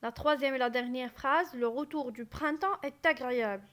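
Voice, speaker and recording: A woman explaining French grammar in a slow classroom style, repeating key phrases and asking the class rhetorical questions. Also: high-pitched.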